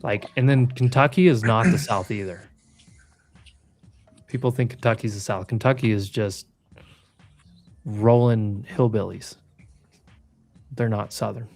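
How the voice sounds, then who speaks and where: A man's voice: on the low side, a little slow, long pauses, a little mellow, faint music behind. A man from New England hosting a live trading stream, bantering casually and teasing his co-hosts with firm opinions.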